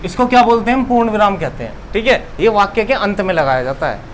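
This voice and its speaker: High-voiced man teaching a lesson. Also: animated, fast talker, slight background noise. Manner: repeats key words, asks and answers his own questions. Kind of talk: classroom lesson.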